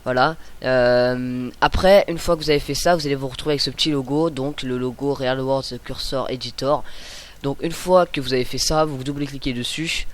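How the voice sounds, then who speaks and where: A young man hosting a casual screen-recorded software tutorial, chatty and hesitant, with many fillers and self-corrections. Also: medium pitch, steady tone, moderate pace. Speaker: tutorial host.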